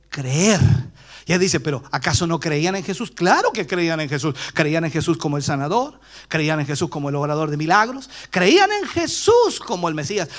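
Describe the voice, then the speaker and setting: Animated Chilean preacher, man. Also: sits high. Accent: Chilean Spanish. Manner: dramatic, swings from shouting to hushed whispers; acts out bystanders' voices while retelling. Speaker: pastor. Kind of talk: preached sermon. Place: church.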